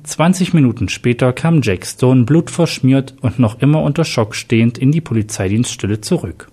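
A man reading a crime story aloud as narrator in a steady storytelling manner. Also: medium pitch, normal speed, slightly rough. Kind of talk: scripted narration.

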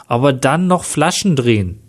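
A man's voice: mid-range voice, lively intonation, normal speed, natural voice. A man reading the lines of a bitter, hot-tempered middle-aged investigator in a plain read-aloud manner. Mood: agitated.

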